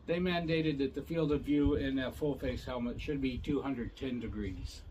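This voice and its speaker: A man's voice: mid-range voice, moderate pace, a little mellow, a little hiss or hum, poor audio. An older man hosting a casual explainer, talking in an informal, matter-of-fact way. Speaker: host of a motorcycle safety series.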